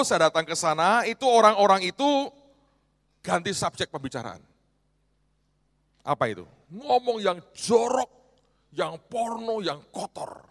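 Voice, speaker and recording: A man preaching in a big, echoing hall, his voice bright and ringing with a long reverb trailing after it. He is a pastor delivering a provocative sermon, swinging between loud outbursts and hushed asides, his pitch leaping up and down all the time.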